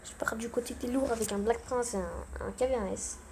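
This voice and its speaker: Young woman talking over her tank game replay, kinda high and gravelly, noisy mic. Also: brisk, darkish tone. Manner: chatty, self-mocking, gamer slang. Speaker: gaming channel host. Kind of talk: casual gameplay commentary.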